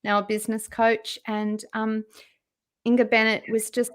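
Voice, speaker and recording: Animated woman telling her story. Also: moderate pace. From Australia. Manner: animated, raises her voice high when quoting people. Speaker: interview guest. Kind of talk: conversational storytelling interview.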